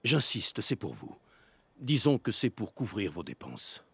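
A man's voice: lowish voice, sing-song, unhurried, noisy background. An actor voicing a worried middle-aged father in a video game, anxious and pleading. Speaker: game character.

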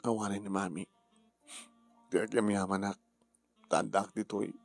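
A man's voice: fairly low pitch, flat delivery, slow pace, slightly rough, dry recording, faint music behind, heavily acted. A man speaking heartfelt family drama dialogue.

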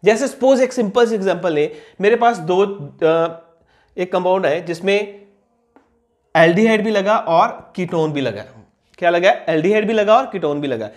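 A young man giving a chemistry lesson, posing questions to the class and answering them himself, repeating key terms slowly. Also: high-pitched, animated. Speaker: chemistry teacher. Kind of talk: classroom lecture explaining on a board.

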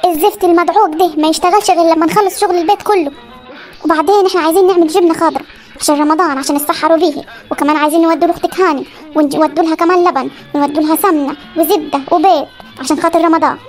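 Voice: extremely high pitch, fairly even intonation, soft background music. An actor voicing a bossy, scolding Upper Egyptian village mother in a comedy cartoon, with an Upper Egyptian accent. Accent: Upper Egyptian Arabic. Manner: scolding, ordering, quick threats.

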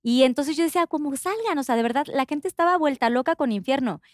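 A woman's voice: sits high, fast, no echo, studio quality. A young adult woman with a Mexican accent, hosting a casual chat and asking probing questions in a chatty, slangy way. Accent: Mexican Spanish. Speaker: podcast host.

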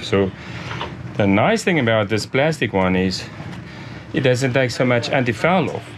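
A lowish-voiced man in his fifties, a sailing vlogger, casually explains a boat cleaning job one step at a time, restarting as he goes. He's outside on the deck of a catamaran, filmed on an action camera held close, and the recording carries plenty of boat noise.

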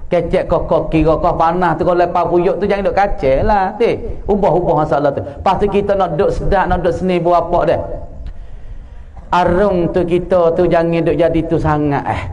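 A male preacher with a fairly high voice and a Patani Malay accent gives a sermon in a mosque. He tells stories in a lively, teasing way and acts out the voices of the people he quotes. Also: moderate pace, poor audio. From southern Thailand. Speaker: religious teacher.

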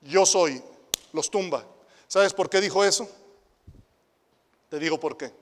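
A Mexican man with a high voice preaches a sermon to the youth, peppering it with rhetorical questions. He drops to hushed asides, then rises to loud, emphatic declarations. His voice trails off into the long reverb of a hall. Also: measured pace. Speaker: pastor and youth director.

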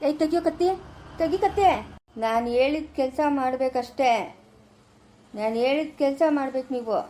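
A woman acting as a menacing male village thug who barks gruff, commanding threats in a family skit. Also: high voice, moderate pace, mellow, slight background noise, lightly acted, poor audio.

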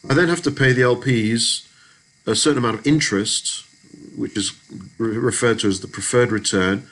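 A lecturer voices over a screen recording, walking through a spreadsheet in a methodical, step-by-step lesson. His voice is medium-pitched and fairly bright at a normal speed, and he explains things carefully but restarts frequently. The audio quality is poor.

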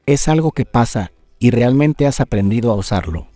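Dark-voiced man judging a talent show. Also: medium pitch, animated, moderate pace, no room sound. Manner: direct, probing questions. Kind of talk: dubbed television talk.

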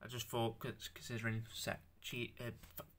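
A young man shows off his handmade stop-motion figures in a casual show-and-tell, halting, stammering, and occasionally swearing, clearly self-conscious about talking aloud. His mid-range voice is completely flat, with slight background noise.

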